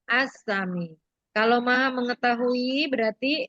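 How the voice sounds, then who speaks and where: A woman's voice: fairly high pitch, measured pace, a bit bright, dry recording, muffled recording. A woman teacher going over a lesson with her class, asking questions and prompting students for answers. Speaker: religious studies teacher.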